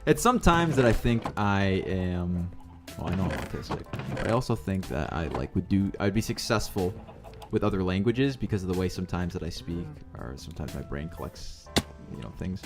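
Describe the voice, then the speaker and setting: A man's voice: expressive, a little fast, over music. A man streaming a building game, telling rambling stories in a loose, casual way and often correcting himself mid-sentence. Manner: rambling, self-correcting, swings into high mimicry. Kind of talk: casual storytelling while playing.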